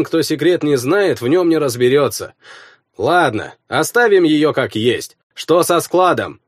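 A man's voice: a little high, no room sound, clean studio sound, voice pushed up. Man doing a brusque commanding baron. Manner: curt orders, gruff. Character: commanding middle-aged male baron, brusque.

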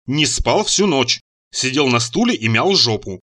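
A man voicing a pompous male boss in an audiobook, handing out slow, solemn, deliberate instructions. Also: on the high side, big pitch swings, bright, forceful tone, heavily acted. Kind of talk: audiobook character voice.

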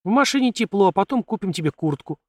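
A man voicing a lively, bold young woman who talks in a brisk, coaxing way. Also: sits high, no room sound, pitched above the performer's own voice.

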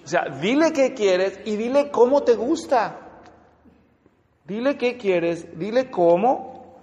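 Male speaker, high, animated seminar voice, dull lo-fi sound, long hall reverb. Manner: animated, jokey, acts out spouses' lines. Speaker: marriage counselor and speaker. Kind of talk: lively seminar talk with acted quotes.

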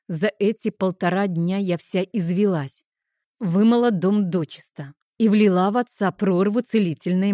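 A woman narrating a first-person audiobook in a calm, even storytelling manner. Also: mid-range voice, dry recording, clean studio sound.

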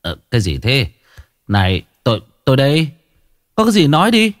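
A man's voice: medium pitch, huge pitch swings, a little fast, no room sound, clean studio sound, voice pushed up. A man voicing a flustered, swaggering young male village shaman. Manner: flustered, hesitant.

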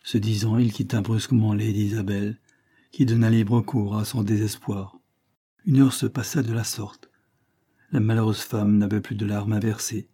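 Male audiobook narrator, dark and husky, measured dramatic reading of a classic novel. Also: fairly low pitch, level tone.

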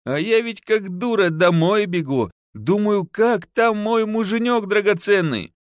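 Shrill tearful peasant wife, voiced by a man, high and wailing, lively swoops, storybook reading. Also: a little slow, no room sound, clean studio sound. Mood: complaining. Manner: wailing, scolding.

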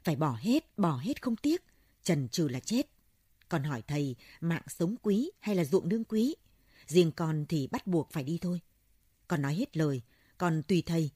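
An insistent young soldier, played by a woman narrator, presses hard with urgent, raised lines. The husky, dark voice keeps a dry close sound. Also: fairly low pitch, dry recording.

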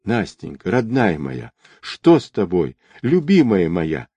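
A man's voice: on the low side, sing-song, slow pace, a little mellow, husky, no echo, heavily acted. A male narrator voicing a young man, urgent in danger and tender with his beloved. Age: young adult. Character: desperate young man in love.

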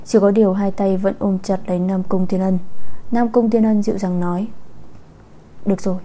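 Woman narrator for a romance audiobook, calm and even, warm mellow tone. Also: mid-range voice, brisk. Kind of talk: scripted narration of a romance novel.

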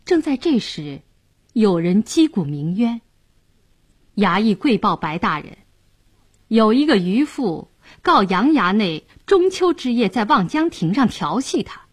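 A woman storyteller narrates a traditional tale with lively, sweeping pitch and a dramatic delivery. She takes her time, letting each phrase land. Her voice has a husky grain. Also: no room sound. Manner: expressive, dramatic, unhurried.

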